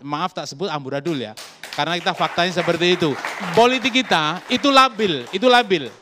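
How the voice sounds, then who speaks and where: A man's voice: sits high, a little fast, crowd noise, noisy background. A man arguing emphatically as a guest commentator on a political talk show. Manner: emphatic, lively argumentative.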